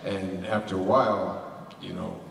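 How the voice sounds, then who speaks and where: Lowish-voiced guy on a con panel, rambly and laughy, booming hall from way back. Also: steady tone, unhurried, a bit bright, recorded from a distance, slight background noise. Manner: rambling, laughing, many restarts. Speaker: voice actor panelist. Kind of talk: convention panel Q&A. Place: large convention hall. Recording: echoey hall recorded from afar.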